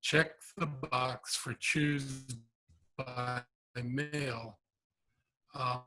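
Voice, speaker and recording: A man speaking as county executive in a media briefing over a video call, his audio dropping out so the volume comes and goes, talking haltingly with fillers. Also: mid-range voice, little pitch movement, pushed and bright. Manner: halting, filler-heavy delivery. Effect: audio dropping out, uneven volume.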